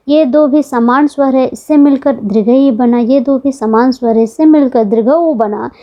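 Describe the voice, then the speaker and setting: High-voiced woman teaching grammar, lo-fi. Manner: patient, repeats key points and asks questions to check understanding. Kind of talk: exam-prep grammar lesson.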